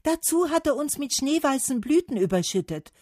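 Woman playing chorus of trees, high and eager, calling out, lively swings, dry close recording. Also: normal speed, dry recording. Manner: excited, calling out.

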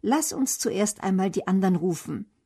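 A woman voicing a calm, kindly teacher in a children's storybook reading. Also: mid-range voice, normal speed, slightly rough.

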